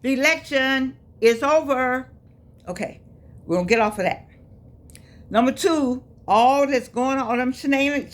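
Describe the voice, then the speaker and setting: Folksy woman in her eighties. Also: on the high side. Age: 80s. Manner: folksy, preachy, repeats phrases, calls listeners baby. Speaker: life coach vlogger. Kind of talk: casual motivational talk to camera.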